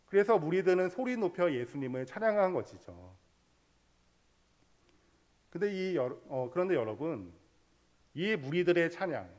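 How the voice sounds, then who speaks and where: A man's voice: on the high side, a little mellow. A man preaching a sermon, explaining a Bible passage step by step and leading the congregation in reading scripture aloud. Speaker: pastor.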